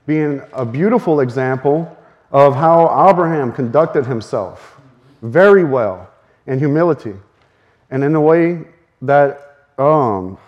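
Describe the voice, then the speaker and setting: Over a muffled recording, a man with a medium-pitched, animated voice preaches a sermon earnestly, teaching as he goes. His voice sounds a little strained, he speeds up in bursts, and he laughs softly now and then.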